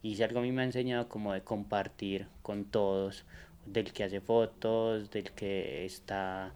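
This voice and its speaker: A man, a musician guest, talking in a relaxed, rambling way with many hesitant fillers. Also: lowish voice, unhurried, smooth. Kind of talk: casual conversation.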